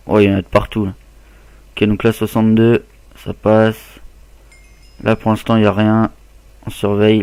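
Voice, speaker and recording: A man casually commenting on his own gameplay as a gaming YouTuber, chatting and muttering to himself as he plays. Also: fairly low pitch.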